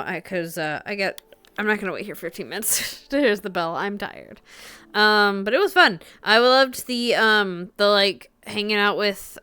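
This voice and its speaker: Bright, crisp-voiced woman streamer. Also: medium pitch, no echo, clean studio sound. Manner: swears freely, laughing, animated storytelling. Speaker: streamer and roleplay player. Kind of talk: casual stream chat.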